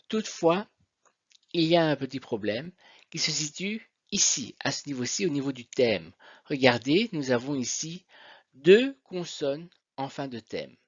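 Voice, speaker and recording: A man's voice: mid-range voice, breathy edge, no room sound. A man teaching a Latin grammar lesson, patiently walking through examples step by step. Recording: dull dry lo-fi recording.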